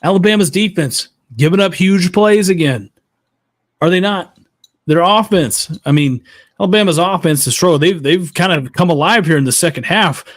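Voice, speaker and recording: A man's voice: high voice, moderate pace, no echo. A man co-hosting a live college football reaction show, reading out scores and viewer comments as he argues. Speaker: co-host.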